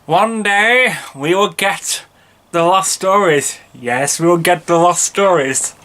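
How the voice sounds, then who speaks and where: A man's voice: high-pitched, takes it slowly, pushed and bright. A man of twenty-one talks in a casual fan vlog, rambling and earnest, with lots of "you know" and restarts. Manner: earnest, heartfelt fan enthusiasm. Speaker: vlogger, channel host.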